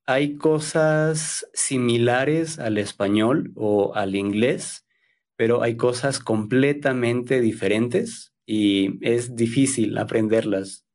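Man, 30s, from Ecuador, Spanish teacher, slow careful answers, soft-spoken, mid pitch. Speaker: Spanish teacher, interview guest. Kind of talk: slow, careful conversation for learners.

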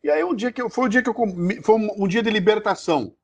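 A middle-aged man with a Brazilian Portuguese accent, a podcast creator telling his story in a casual, slangy, animated interview. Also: high voice, fast talker, gravelly, lo-fi sound.

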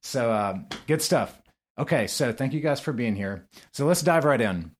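A man's voice: medium pitch, expressive, moderate pace, slightly rough. A man hosting a casual podcast interview in a chatty, encouraging way. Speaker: podcast host.

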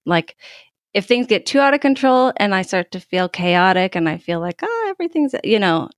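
A woman's voice: medium pitch, sing-song, moderate pace, no room sound, studio quality. Candid woman in her thirties, laughs easily. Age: 30s. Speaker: guest. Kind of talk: casual conversational interview.

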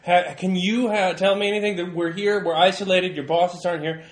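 A man's voice: high voice, fairly even intonation, brisk, reverberant, pitched above the performer's own voice, lightly acted. A man playing a fawning, pushy reporter. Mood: ingratiating. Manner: overly polite, pleading. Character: ingratiating male reporter character.

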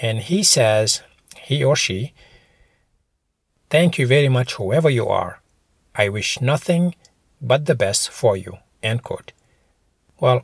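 A man's voice: mid-range voice, breathy edge, no room sound, studio quality. A man hosting a motivational podcast, talking to listeners in a direct, encouraging way. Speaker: podcast host.

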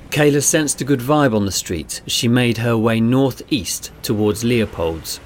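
A man reading a children's adventure story aloud in a measured storytelling delivery. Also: medium pitch, a little hiss or hum. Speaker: narrator. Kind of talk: scripted narration.

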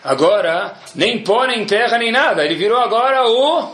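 Animated man telling a religious story. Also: extremely high pitch, normal speed, roomy sound. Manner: animated storyteller, mixes in Hebrew prayer terms.

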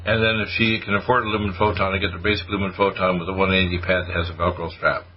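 A man's voice: low-pitched, little pitch movement, fast, dull audio, slight background noise. A man hosting a show and giving supplement advice, hesitant, full of fillers and restarts. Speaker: show host recommending supplements. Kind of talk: casual on-air advice.

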